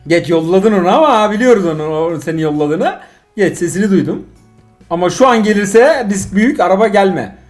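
A middle-aged man, a father, playing a mobile driving game with his son and commenting casually, excitable and exasperated by turns, full of jokes. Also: sits high, brisk, faint music behind.

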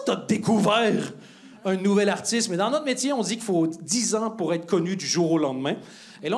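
High-voiced man hosting a comedy night. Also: darkish tone. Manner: playful, teasing the audience. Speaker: comedy club host. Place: comedy club stage.

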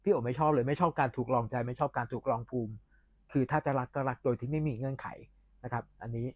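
A man giving a casual, candid and opinionated film review in a chatty vlog with pauses, recorded with a dull, lo-fi sound. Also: medium pitch, steady tone, no echo.

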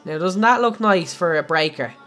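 High-pitched, animated and sharp in tone, a young Irish man speaks at a normal speed as he casually takes his live stream audience through a building tutorial in a game. He's chatty, laughs often and addresses viewers directly, with faint music in the background.

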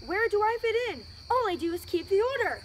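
A woman's voice: high voice, expressive, brisk, a bit bright. A teenage girl acting as a bossy, sarcastic ancient Greek court officer in a school project drama. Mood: complaining. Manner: sarcastic, mocking. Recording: noisy outdoor recording with crickets.

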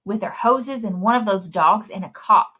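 A children's librarian in her thirties reads a picture book aloud for story time, exclaiming expressively and speaking right to the kids. Her slightly husky voice is medium-pitched at a moderate pace, recorded indoors as a screen share with webcam.

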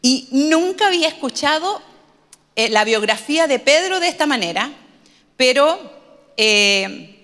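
A woman's voice: high voice, animated, unhurried, pauses often, a bit bright, long reverb tail. A woman pastor, preaching a sermon in a conversational storytelling manner with humorous asides.

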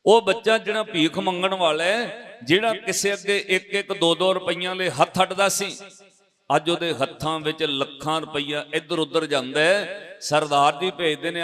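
A male Sikh preacher tells a moral story in a sermon. He stresses and repeats key phrases as he addresses the congregation. His voice sits fairly high for a man. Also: fairly bright tone. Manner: emphatic, repetitive and addresses the congregation.

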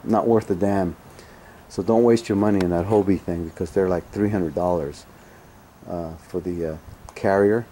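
Low, mellow man with halting speech. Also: steady tone, a little hiss or hum. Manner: halting, many fillers and restarts, blunt opinions. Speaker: product reviewer. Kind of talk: casual spoken product review. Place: outdoors on a home driveway.

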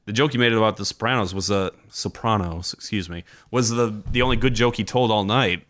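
Man, podcast host, slightly low voice, rambling, self-deprecating, tired. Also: a little fast, fairly bright tone. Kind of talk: casual chat.

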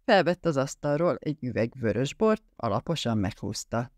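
A man reads a novel aloud, dramatic and expressive. His mid-range voice moves a lot in pitch. The sound is close and dry, with no room around it. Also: dry recording. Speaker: audiobook narrator. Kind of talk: scripted audiobook narration.

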